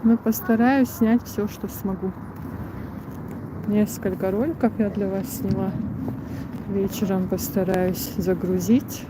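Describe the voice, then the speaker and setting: A woman narrating a casual live walk outdoors, in short remarks with pauses as she comments on what she sees. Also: medium pitch, steady tone. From Grozny, Russia. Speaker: vlogger livestreaming a walk. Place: outdoors in a city park. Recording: very noisy outdoor phone livestream, traffic ambience.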